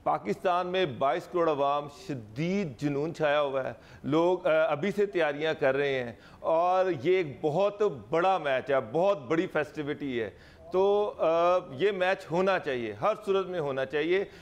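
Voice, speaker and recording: A man from Pakistan appearing as a cricket pundit on a TV panel, speaking slowly and earnestly with frequent hesitation fillers. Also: a little high. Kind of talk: TV panel commentary.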